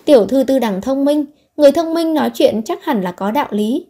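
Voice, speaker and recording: A woman voicing a simple-hearted older man in an audiobook, speaking slowly and humbly. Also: high voice, expressive, mellow. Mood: bewildered. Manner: slow and humble.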